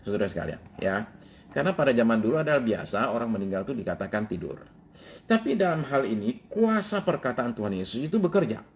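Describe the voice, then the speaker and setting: A man's voice: medium pitch, big pitch swings, fast. A male pastor preaching a sermon, moving from formal scripture reading to casual slang asides.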